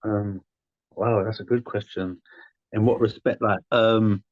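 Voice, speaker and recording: A man in his thirties, appearing as a podcast guest in a conversational interview, speaks frankly in loose, rambling phrases packed with "um" and "like." His voice is lowish, steady in tone and a little slow, and the lo-fi recording has no echo.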